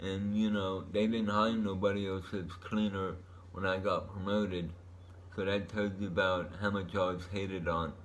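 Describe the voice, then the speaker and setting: Man, low voice, casual solo vlogger; laid-back stoner-style delivery, meandering and unscripted. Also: little pitch movement, normal speed, slight background noise. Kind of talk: rambling casual monologue.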